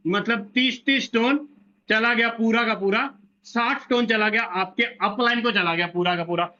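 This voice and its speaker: A man's voice: high-pitched, unhurried, pushed and bright. A man explaining a plan step by step at a whiteboard, repeating himself and answering his own questions, on a dull lo-fi recording. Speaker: presenter explaining a referral plan.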